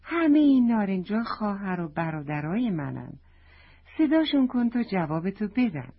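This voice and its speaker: Gentle orange-fruit girl spirit, played by a woman, soft and breathy, lo-fi. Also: mid-range voice, very animated.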